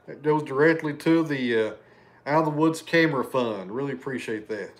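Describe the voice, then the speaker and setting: A male livestream host talks in a mid-range voice at a moderate pace from his home living room. He reads super chats and chats casually with viewers, thanking them by name, and occasionally loses his train of thought.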